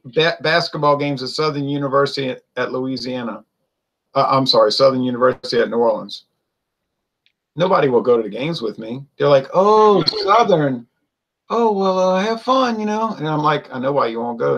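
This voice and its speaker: A man's voice: medium pitch, creaky, fairly bright tone, poor audio. A man co-hosting a casual wine chat, rambling and opinionated, with lots of fillers and restarts. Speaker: wine show co-host.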